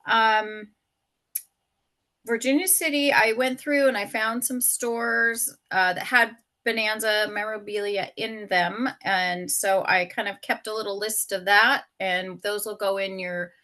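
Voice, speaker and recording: A woman co-organizing a fan trip, giving casual updates on a video call. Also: mid-range voice. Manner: relaxed, loose with fillers. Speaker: event co-organizer.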